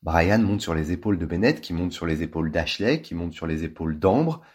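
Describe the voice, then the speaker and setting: A man's voice: sits low, fairly quick, slightly rough. A man reading a children's novel aloud, playfully and with lots of expression. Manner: lively, playful. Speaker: storybook reader.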